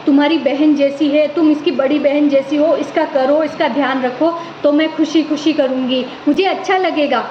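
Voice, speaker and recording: A woman's voice: sits high, close to an everyday voice. A woman playing a young daughter-in-law who protests firmly and earnestly against being taunted, in an echoey room with slightly dull sound. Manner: firm, pleading protest.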